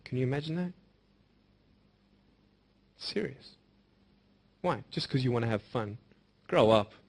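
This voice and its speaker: A young man giving an emphatic motivational speech to students, swinging between bold declarations and hushed, earnest appeals. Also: mid-range voice, expressive, a little slow, gravelly. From Australia. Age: young adult. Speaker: motivational speaker.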